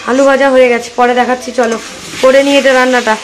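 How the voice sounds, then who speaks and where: A woman's voice: high-pitched, flat delivery, quick pace, noisy background. A young woman and mother chatting casually to her viewers in a family vlog. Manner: chatty, addresses viewers directly. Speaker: vlogger and mother of twin boys.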